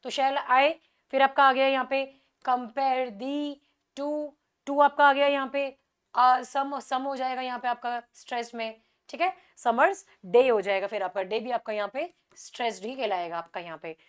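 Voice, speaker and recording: A woman with a high, clear voice gives an exam-prep lesson on poetry. She explains step by step, checks in often with quick tag questions, and slows down when she recites lines of verse. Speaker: English teacher.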